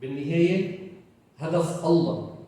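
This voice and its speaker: A man's voice: fairly high pitch, animated, normal speed, warm tone. Solemn man reading scripture in church. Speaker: church speaker. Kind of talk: scripture reading and closing words. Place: church sanctuary. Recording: echoey church hall from far off.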